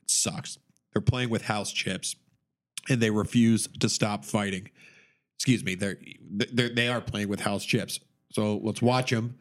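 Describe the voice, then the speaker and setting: A man's voice: lowish voice, steady tone, measured pace. A man co-hosting a sports podcast, chatting casually and cracking jokes. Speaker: podcast co-host.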